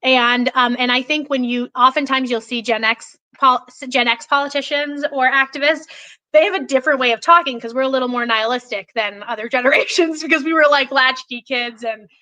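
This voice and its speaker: A woman's voice: sits high, a little fast, pushed and bright, poor audio. A woman in her forties, a political candidate talking passionately in a podcast conversation, emphatic and full of restarts.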